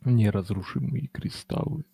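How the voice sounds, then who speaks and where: A man's voice: medium pitch, animated, measured pace, creaky, husky. A man in casual gaming chat, talking in crude, sweary banter. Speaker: gamer playing a fighting game with a friend. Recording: loud game music behind. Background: loud fighting game music.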